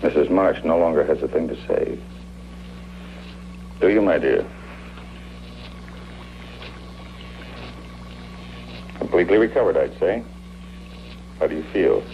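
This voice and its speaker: A menacing mad doctor from a B-movie horror film. His voice is low, deliberate and condescending. The old soundtrack is dull, with faint noise. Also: lively intonation. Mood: smug.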